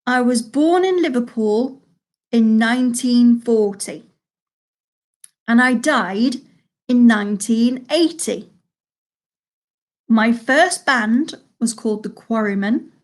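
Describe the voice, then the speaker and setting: A woman hosting a live pub quiz from home, chatty, reading each question slowly and repeating it. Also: a little high. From Salford, England. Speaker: quiz host.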